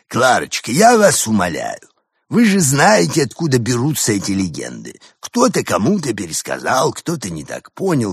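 A man voicing a worldly, skeptical male wolf who waves things away, with a husky voice. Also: medium pitch, no room sound, studio quality, voice pushed up, heavily acted. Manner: dismissive, worldly-wise.

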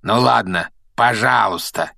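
Casting: grumpy old caretaker, read by a man, low, slow, menacing. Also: gravelly, pushed and bright, no room sound, exaggerated voice. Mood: irritable. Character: grumpy older male caretaker, irritable.

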